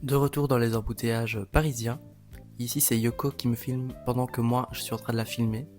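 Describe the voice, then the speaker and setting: A man's voice: medium pitch, flat delivery, fairly quick, a little mellow, soft background music. A young man chatting casually for a vlog in a wry, campy drag queen manner. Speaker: drag performer and vlogger.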